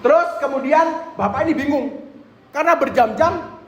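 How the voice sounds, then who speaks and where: A man preaching a sermon, telling a story with acted-out voices and sudden loud outbursts. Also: very high-pitched, moderate pace, reverberant, highs cut off, slight background noise.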